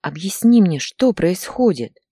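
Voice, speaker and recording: A woman's voice: fairly low pitch, very animated, unhurried, mellow, slightly rough, dry recording, clean studio sound, pitched above the performer's own voice, exaggerated voice. A woman voicing an upset middle-aged woman who accuses and pleads in an audiobook story. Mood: shaken. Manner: agitated, accusing.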